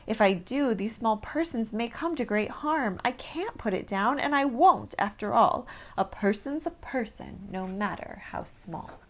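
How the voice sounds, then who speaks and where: A woman's voice: fairly high pitch, animated, a little slow. A woman voicing a kind, loyal male elephant, speaking earnestly and pleadingly. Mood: determined.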